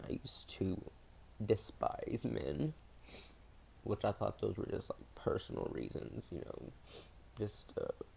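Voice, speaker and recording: A young adult man speaking candidly in a personal video diary, hesitant, with many pauses and fillers. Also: fairly low pitch, creaky, dark tone, slight background noise. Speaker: vlogger.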